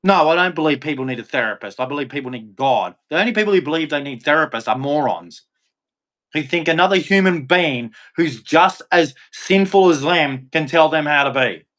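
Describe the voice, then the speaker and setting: A slightly high, animated male voice, fairly quick and fairly bright, belongs to an Australian live streamer. He rants bluntly and confrontationally at his chat, then wraps up with a preachy religious sign-off.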